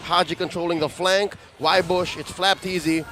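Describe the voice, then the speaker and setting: A man working as an esports caster, calling a live game in dramatic, clipped phrases with excited delivery. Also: sits high, normal speed.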